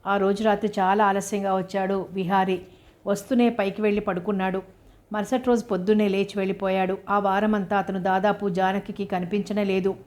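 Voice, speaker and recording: A woman narrating a serialized novel as an audiobook, in a steady, measured manner. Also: mid-range voice.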